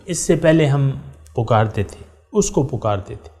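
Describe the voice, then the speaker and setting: A middle-aged man teaching a Quran lesson in the manner of a sermon. His voice sits at an ordinary middle pitch. He talks directly to his listeners, repeats key words for emphasis, and slows down to recite verses. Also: lively intonation, darkish tone.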